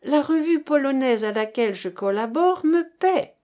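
A woman's voice: high-pitched, lively intonation, moderate pace, darkish tone, pitched above the performer's own voice. Woman doing a curious Polish student girl. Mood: eager. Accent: Polish, rolled R.

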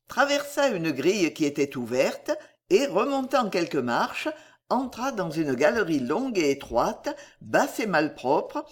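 An audiobook narrator giving a measured literary reading. The pitch moves about lively across the phrases, and the delivery stays steady and scripted.

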